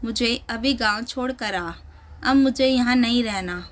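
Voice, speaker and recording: Stubborn elderly mother-in-law who scolds harshly, read by a woman narrator with a higher pitch. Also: measured pace, close to an everyday voice. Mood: angry, scolding.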